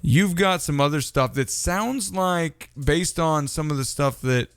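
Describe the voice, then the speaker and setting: A man's voice: a little high, smooth, dry recording, studio quality. Joking man hosting an interview. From California. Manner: joking, teasing, talks in quick bursts. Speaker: interview host. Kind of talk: casual interview chat.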